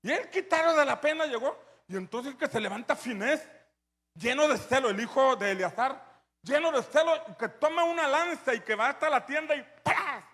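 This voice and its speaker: A man preaching a sermon as pastor, telling the story with animated energy and building to shouts. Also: extremely high pitch, moderate pace, long reverb tail.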